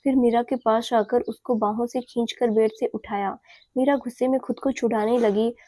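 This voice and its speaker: A woman's voice: fairly high pitch, steady tone, normal speed, warm tone, dry recording. A woman reading a romantic audio story as narrator, speaking both lovers' quarrel lines herself in her own voice.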